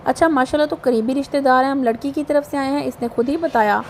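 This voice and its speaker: High-voiced Urdu woman reading a novel. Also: quick pace, slight background noise. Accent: Pakistani Urdu. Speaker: audio novel narrator. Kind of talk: reading a romance novel aloud, voicing all characters.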